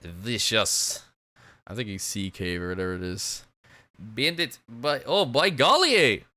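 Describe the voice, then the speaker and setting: A woman streamer casually reacting to her game in low asides, swearing and laughing at herself. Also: big pitch swings, moderate pace, bright, forceful tone. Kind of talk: casual let's-play chat.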